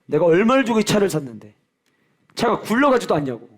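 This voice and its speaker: A man's voice: high voice, big pitch swings, fast talker, pitched above the performer's own voice. A man acting out an angry man complaining that his brand-new car stopped running. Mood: indignant. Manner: shouting complaints, indignant. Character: furious man who just bought a new car.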